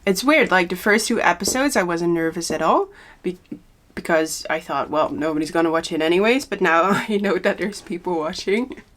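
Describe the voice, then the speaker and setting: A young woman hosting a knitting podcast, chatting casually and thoughtfully with frequent pauses and a touch of nerves. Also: fairly low pitch, a bit bright. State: a little nervous. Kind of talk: casual chat.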